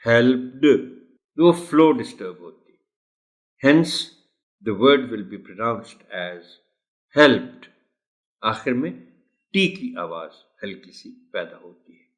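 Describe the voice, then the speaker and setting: A man teaching English word pronunciation to teachers, saying each word slowly and repeating it. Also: fairly low pitch, very animated. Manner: slow, deliberate model pronunciations of English words. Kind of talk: pronunciation lesson.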